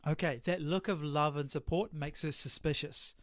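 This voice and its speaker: A man running a tabletop game as game master over a call from home, halting with many fillers. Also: a little high, steady tone, a crowd in the background. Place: home bedroom. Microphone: home remote-call mic.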